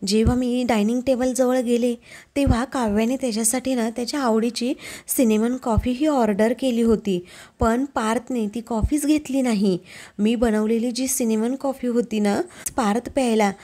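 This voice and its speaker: A woman's voice: a little high, fairly even intonation, normal speed, dark tone, close to an everyday voice. A woman voicing a caring, gossipy young woman who talks in a concerned, chatty way. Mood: pleading.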